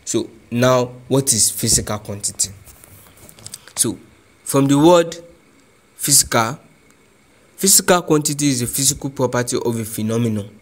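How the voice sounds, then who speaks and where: Male physics teacher, Nigerian English accent, methodical, repeats for emphasis, mid-pitched. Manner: deliberate, repeats key phrases; frequent "so" as a connector. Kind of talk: classroom lesson.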